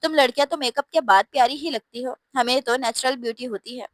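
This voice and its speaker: A woman's voice: high voice, fast, no echo, lightly acted. A woman reading a storybook aloud and voicing a playful, teasing young husband.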